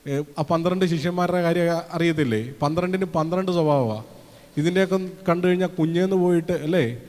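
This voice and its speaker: A man from Kerala preaches in a fairly high voice, lively and full of questions thrown out to the congregation. He acts out the voices he quotes as he goes. The sound rings with a long reverb from a church hall. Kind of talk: sermon.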